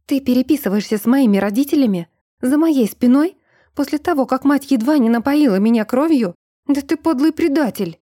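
Female reader playing a high, tearful young woman quick to flare up, mellow tone, dry audiobook read. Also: gravelly, no room sound. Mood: indignant. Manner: pleading, then shrill and indignant.

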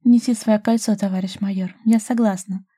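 A woman voicing a playful, teasing young woman in love, speaking high and loud in an audiobook. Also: fairly even intonation, normal speed, husky, dry recording, close to an everyday voice.

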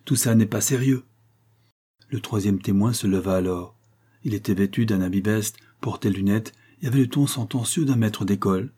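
Man, audiobook narration, steady, husky, dark. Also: on the low side, brisk. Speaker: audiobook reader. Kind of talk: scripted narration.

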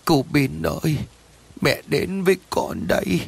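A man's voice: a little high, sing-song, a little slow, vocal fry, breathy edge, pitched above the performer's own voice, heavily acted. A man voicing a grieving young mother who whispers through tears. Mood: despairing. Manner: tearful, whispered.

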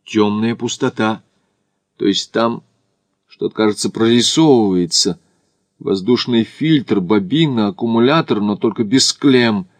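A man voicing Smith, an excitable male traveler who bursts into high exclamations and quickly backs off, in an audiobook. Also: no echo. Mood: hesitant. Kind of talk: audiobook character voice.

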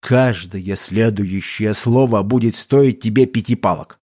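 A man voicing a stern, mustached army captain who talks slowly and commands his men, as read in an audiobook. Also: fairly low pitch, warm tone. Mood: stern, mocking. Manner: slow, drawling, commanding.

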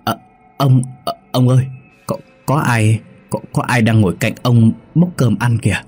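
A man's voice: mid-range voice, steady tone, normal speed, darkish tone, breathy edge, faint music behind, voice pushed up, natural voice. A man voicing a frightened eight-year-old servant boy who stammers and trembles in a ghost story.

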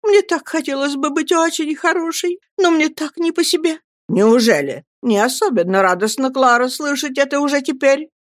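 A woman's voice: sits high, expressive, moderate pace, no echo, clean studio sound, voice pushed up. A woman reading aloud voices a young, capricious mother with a whiny, petulant manner. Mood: plaintive.

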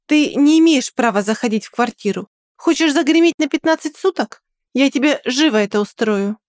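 A woman reading an audiobook and voicing a bold young woman who defends her friend with sharp, threatening words. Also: a little high, moderate pace, no room sound, clean studio sound, natural voice. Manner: sharp, threatening, then coaxing.

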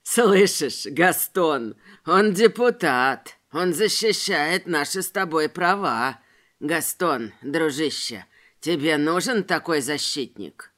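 A woman voicing a noseless, mocking male street robber with a hoarse, wheezy voice and slow, sneering taunts. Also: sits low, expressive, fairly bright tone, voice pushed down, heavily acted.

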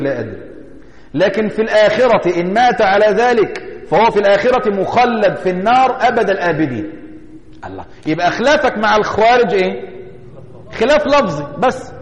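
A man with an Egyptian Arabic accent teaching a religious lesson as a sheikh, often asking his listeners rhetorical questions to check they follow. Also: high voice. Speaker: sheikh teaching a creed text. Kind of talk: religious lesson explaining a text. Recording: echoey hall with long reverb.

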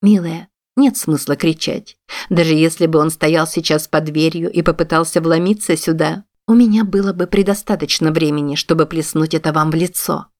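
Woman reading cold calm villainess, low voice, measured, quietly menacing, audiobook. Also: no echo, clean studio sound, natural voice.

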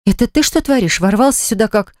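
Reader doing a young mom: raised, higher voice, defensive and bewildered, clean dry audiobook sound. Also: female voice, expressive, brisk, a little mellow, no echo, natural voice. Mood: indignant. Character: young mother, flustered, then indignant. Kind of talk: audiobook character voice.

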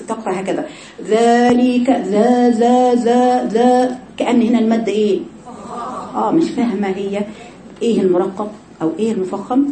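An Egyptian woman teaches recitation rules at a quick clip, her voice mellow and dark. She keeps asking her listeners questions and acts out the errors herself. The room is echoey, with a faint hiss of noise behind her. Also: medium pitch. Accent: Egyptian Arabic. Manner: explains with rhetorical questions and demonstrates recitation errors. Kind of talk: tajweed lesson to women.

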